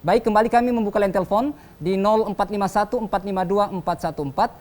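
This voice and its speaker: An Indonesian host of a religious TV talk show who summarizes points and puts questions, often pausing with "eh" and politely affirming. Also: mid-range voice, a little mellow. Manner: frequent hesitations with "eh", polite affirmations. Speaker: TV program host.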